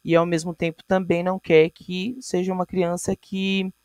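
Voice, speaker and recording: A woman's voice: fairly low pitch, level tone, moderate pace, darkish tone, no echo. A woman vlog host reacting in casual talk, reflective and hesitant, often restarting her sentences.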